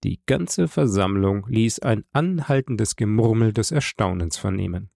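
A man narrating an audiobook in a measured, dramatic reading. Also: fairly low pitch, lively intonation, vocal fry, darkish tone, dry recording, clean studio sound. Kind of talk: scripted narration.

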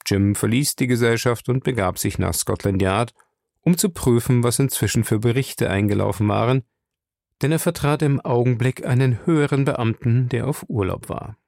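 A male audiobook narrator with a gravelly voice, reading in a steady storytelling way. The sound is dry and close, with no room around it. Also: mid-range voice, moderate pace, no room sound. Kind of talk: scripted narration.

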